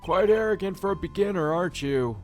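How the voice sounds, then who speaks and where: A man's voice: high voice, animated, fairly quick, over music, pitched above the performer's own voice. A man voicing a doddering older courtroom judge in a game, pompous, hesitant and easily startled.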